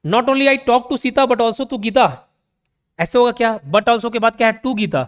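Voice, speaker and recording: A man's voice: very high voice, unhurried, clear, resonant tone, in a large hall. A man with a Chhattisgarh Hindi accent teaching a grammar class, explaining step by step and asking and answering his own questions. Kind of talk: grammar lesson.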